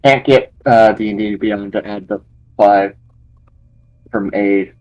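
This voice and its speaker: A man's voice: on the low side, steady tone, slow, no echo, lo-fi sound. Laggy man on group voice chat. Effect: laggy online group voice chat, cutting out. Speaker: tabletop game player. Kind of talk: casual chat during an online tabletop game.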